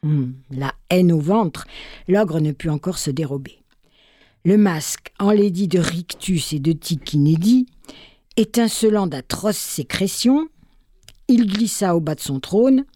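A woman reading a literary fairy tale aloud with measured, expressive narration. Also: on the low side, dry recording, studio quality. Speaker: storyteller.

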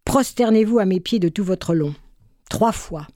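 A woman voicing a huge, gruff male spider ogre who snaps out curt commands, in a read fairy tale. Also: mid-range voice, expressive, a little slow, dark tone, no room sound, studio quality, close to an everyday voice. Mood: commanding.

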